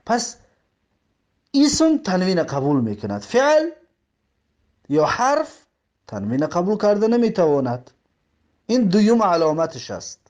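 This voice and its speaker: A man's voice: sits high, big pitch swings, a little mellow. A man with a Tajik accent teaches an Arabic grammar lesson, explaining step by step, repeating terms and giving examples. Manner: reads the Arabic text slowly, word by word.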